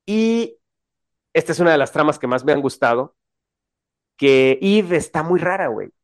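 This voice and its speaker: A young Mexican man chatting excitedly in slangy casual talk, with many restarts. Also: fairly high pitch, moderate pace. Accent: Mexican Spanish. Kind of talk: casual chat.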